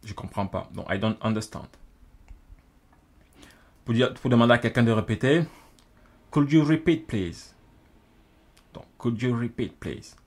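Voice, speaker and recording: Guy going through english phrases slowly, says each one twice, normal pitch. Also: a little mellow. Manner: repeats each phrase in both languages, slows down for the English. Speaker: English teacher. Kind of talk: French-language English lesson, phrase by phrase.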